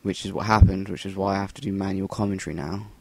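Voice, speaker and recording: A man's voice: low-pitched, fairly even intonation, fast talker, gravelly, darkish tone, dry recording. A young English man giving rambling, sweary voice-over commentary on a shooter game into a cheap USB mic. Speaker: gameplay commentator. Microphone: Rock Band USB mic.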